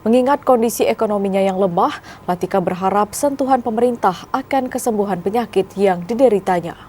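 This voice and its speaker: A female news anchor reading scripted reports in a formal, measured way. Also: medium pitch, mellow, slight background noise.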